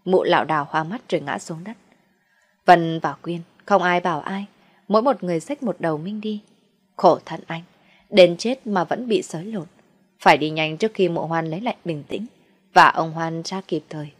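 A woman storyteller reading a ghost story aloud in a steady, dramatic way. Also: lowish voice, moderate pace.

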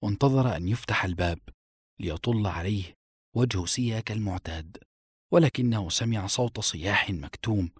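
A man narrating a novel as an audiobook in expressive storytelling style. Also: lowish voice, normal speed, breathy edge, no room sound, clean studio sound. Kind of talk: scripted narration.

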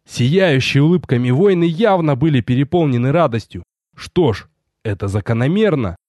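A man narrating an audiobook in a measured, expressive way. His voice moves lively up and down in pitch and sits mid-range. The recording is dry and close. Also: no room sound. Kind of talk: scripted first-person narration.

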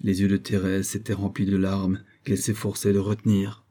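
Low, mellow male audiobook narrator. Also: completely flat delivery, moderate pace.

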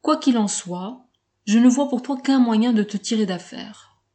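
A woman's voice: a little high, measured pace, warm tone, natural voice. A woman reading as a stern, scolding older uncle. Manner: scolding, grave.

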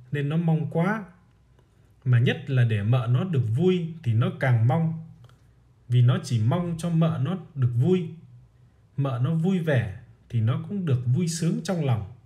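A man narrating a short story in a measured, storytelling manner. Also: on the high side, warm tone. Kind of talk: audiobook reading of a short story.

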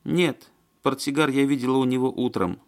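A man's voice: medium pitch, moderate pace, voice pushed up, lightly acted. A man reading an audiobook and voicing a fussy, flustered woman who chatters and complains in a plaintive, agitated way. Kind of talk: audiobook character voice.

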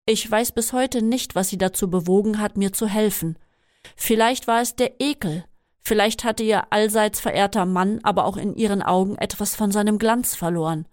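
A woman reading a first-person memoir aloud in a steady, measured way. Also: mid-range voice, no room sound, clean studio sound. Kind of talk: scripted first-person narration.

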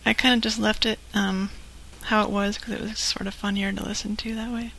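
A man's voice: high voice, level tone, brisk, vocal fry, sharp tone, a little hiss or hum, low-quality recording. A man making offhand remarks as co-host, speaking in a whisper.

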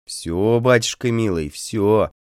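A man voicing a flattering peasant woman of about thirty in an audiobook, pleading in a singsong way. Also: low voice, a little slow, dry recording, studio quality. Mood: sweetly insistent.

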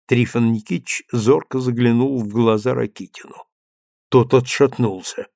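A man narrating an audiobook story in a measured storytelling manner. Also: mid-range voice, steady tone, gravelly, darkish tone, dry recording, studio quality.

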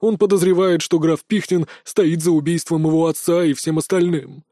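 A hot-tempered, arrogant governor, voiced by a man who blusters, snaps and shouts. The voice sits a little high but mellow, recorded close and dry. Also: steady tone, moderate pace, dry recording, close to an everyday voice. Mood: angry. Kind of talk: audiobook character voicing.

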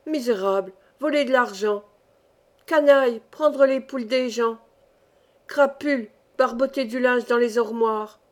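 Storybook kid ringleader, rough and bossy, read by a woman, slightly high. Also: unhurried, natural voice. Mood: scolding. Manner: rough, scolding child's talk. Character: bossy boy Lebrac, village ringleader.

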